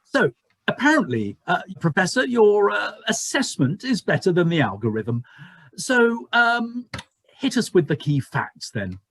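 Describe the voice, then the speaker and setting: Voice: mid-range voice, very animated, a little slow, fairly bright tone, husky, no room sound, heavily acted. An actor playing a relentlessly cheerful, bumbling leader in a comic pantomime, pompous and blustering.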